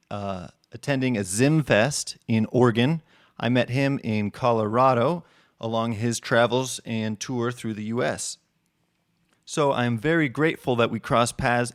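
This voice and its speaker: A man's voice: mid-range voice, no echo. Male podcast host, dry studio sound. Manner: short, brisk follow-up questions. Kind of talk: podcast interview.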